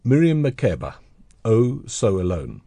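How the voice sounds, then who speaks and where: A man hosting a radio interview, asking his guests questions in a relaxed, conversational way. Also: on the low side, a little slow, gravelly, breathy edge, dry recording. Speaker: radio show host.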